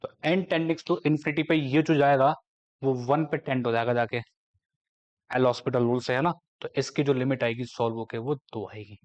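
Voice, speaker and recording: A man teaching a maths lecture, explaining step by step and asking and answering his own questions. He slows right down whenever he dictates a formula. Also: mid-range voice, fairly even intonation, a little mellow, highs cut off.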